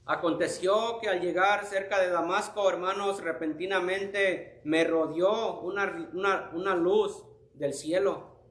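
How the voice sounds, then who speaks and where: A man's voice: sits high, steady tone, fairly bright tone. A man playing an awed, fervent apostle. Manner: fervent first-person retelling, slow and emphatic. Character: the apostle Paul, adult man, earnest and awed. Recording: roomy echo.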